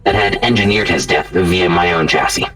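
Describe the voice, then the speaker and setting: A man's voice: low voice, a bit bright, recorded from a distance, faint music behind. A man voicing a stiff, formal male robot investigator in a tabletop game. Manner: formal, measured speech.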